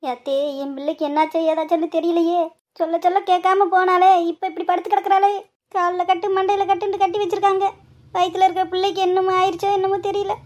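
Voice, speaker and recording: A woman's voice: high voice, animated, a little fast, muffled recording. A woman voicing a fiery, fretful village mother-in-law in a cartoon, speaking with a Madurai Tamil accent as she scolds and wails. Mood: lamenting. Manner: scolding, wailing and lamenting. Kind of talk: cartoon voice acting.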